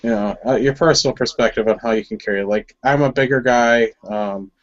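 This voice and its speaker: A man's voice: medium pitch, a little fast. A man with a Wisconsin accent hosting a casual group chat, talking loosely, stumbling over words now and then and laughing along. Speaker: host. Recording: dull lo-fi audio.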